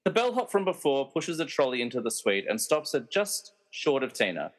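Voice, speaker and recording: The narrator of this comedic podcast radio play speaks with a sing-song, mid-range voice at a moderate pace. He also hosts the quiz, trading casual banter in a wry, tongue-in-cheek way.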